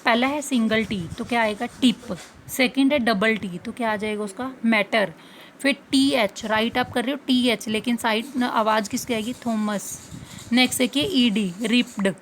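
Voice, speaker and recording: A woman teaching phonics in a slightly high voice. She keeps asking the class questions and answers each one herself. A faint hiss sits under the recording. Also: fairly even intonation, normal speed. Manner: asks the class questions, then answers them. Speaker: English teacher. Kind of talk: explaining phonics step by step.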